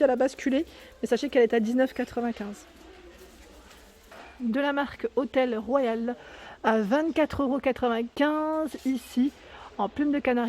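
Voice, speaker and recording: A woman's voice: a little high, darkish tone, a little hiss or hum. A woman filming a casual walkthrough of a store, reading out prices, sizes and labels with small fillers and self-corrections. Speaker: shopping vlogger. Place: inside a large discount store.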